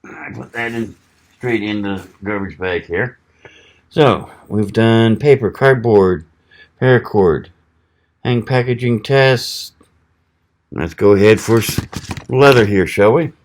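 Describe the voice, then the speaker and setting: Low-voiced man testing a knife, folksy. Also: slow pace, long pauses. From American South. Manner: relaxed, folksy, thinking aloud while cutting. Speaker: knife reviewer. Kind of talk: casual product test vlog.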